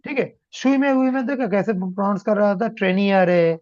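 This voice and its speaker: A man's voice: high voice, a little fast, darkish tone, no echo. Man teaching a dry, lo-fi online class. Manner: mixes Hindi and English, keeps checking understanding. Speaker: German language teacher. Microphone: video call. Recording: dull lo-fi call audio.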